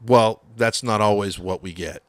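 A man's voice: on the low side, moderate pace, dry recording. A man telling band stories in a loose podcast chat, full of swearing, acting out other people's lines as he goes. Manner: profane storytelling, acts out quotes.

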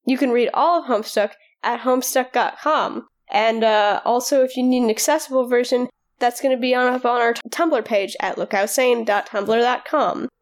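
A woman's voice: a little high, normal speed. Rambling woman podcast co-host. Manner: rambling, full of fillers and restarts. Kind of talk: casual chat.

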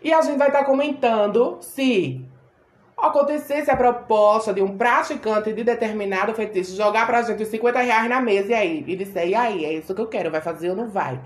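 A woman's voice: on the high side, normal speed. A woman hosting a podcast, telling a story in casual chat and acting out the voices of the people in it. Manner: animated, acts out quoted voices. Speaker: podcast host. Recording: roomy echo.

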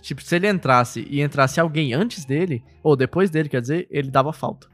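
A Brazilian man hosts a podcast in a slangy, laid-back way, laughing often. His voice is a touch high for a man, with faint music behind. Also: fairly quick. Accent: Brazilian Portuguese. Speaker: podcast host. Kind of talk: casual podcast chat.

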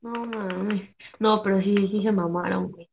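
Speaking unhurriedly at medium pitch with vocal fry, a young woman with a Mexican Spanish accent is heard over slight background noise and a tinny, phone-like quality. She co-hosts a casual chat, telling animated, slangy stories laced with swearing.

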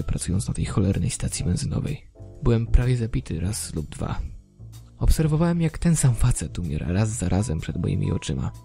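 Gravelly deadpan male story narrator. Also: lowish voice.

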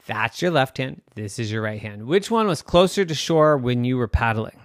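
A man voicing a friendly, chatty male walrus in a bedtime story, talking in a high, bouncy, cheerful voice. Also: animated, normal speed, no echo, clean studio sound, lightly acted.

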